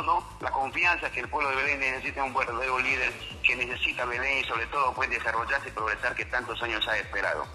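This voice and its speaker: A man campaigning for local office speaks on a radio interview. His voice is very bright and forward, with a faint bed of music behind him. He keeps coming back to a set phrase of address for the host. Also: mid-range voice, poor audio. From Peru. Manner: repeats a stock address to the interviewer. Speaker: local election candidate.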